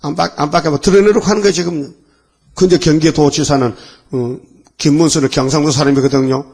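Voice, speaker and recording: Fiery male preacher, fairly high voice. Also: fairly even intonation, fairly quick, darkish tone. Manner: rambling, fiery, with repeated rhetorical questions. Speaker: pastor. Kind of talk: dawn worship sermon.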